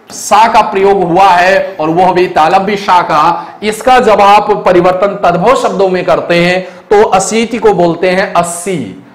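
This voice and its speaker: A man teaching a Hindi exam-prep lesson, explaining step by step and asking the viewers rhetorical questions. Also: high-pitched. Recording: echoey room.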